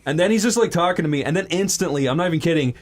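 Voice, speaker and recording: A man's voice: on the high side, lively intonation, racing. Young Irish man telling a rambling story. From Ireland. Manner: loose storytelling, swearing, laughing often. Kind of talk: casual chat.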